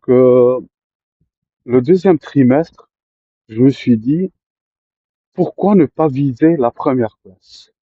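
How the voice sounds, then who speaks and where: A man telling his own life story to listeners, often pausing with fillers and restarting his sentences. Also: medium pitch, no echo, narrow, tinny audio. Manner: hesitant, many fillers and restarts. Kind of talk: personal storytelling to camera.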